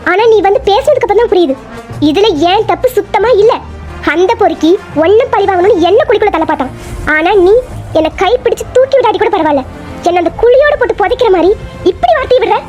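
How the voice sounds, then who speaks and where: A woman's voice: very high voice, lively intonation, fast talker, darkish tone, soft background music. A woman voicing a wronged young college woman, emotional and defiant, in a cartoon. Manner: pleading then defiant, emotional.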